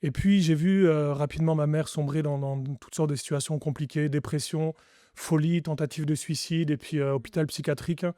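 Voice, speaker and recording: Earnest French man, dark and dry. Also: fairly high pitch, steady tone, normal speed, no room sound. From France. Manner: earnest, reflective, frequent restarts. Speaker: pastor, podcast guest. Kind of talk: testimony interview.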